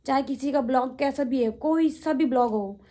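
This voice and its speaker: Fast-talking, indignant woman vlogger. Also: high voice, warm tone. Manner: fast-talking, indignant, addresses critics directly. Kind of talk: casual vlog rant.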